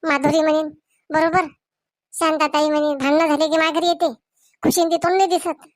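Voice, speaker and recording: Woman doing a whiny village auntie, high voice, dry close sound. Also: level tone, a little fast, no room sound, natural voice. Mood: grumbling. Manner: lamenting monologue, talks to herself. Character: aging village woman, self-pitying and grumbling. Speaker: comedy sketch performer. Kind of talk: village comedy sketch.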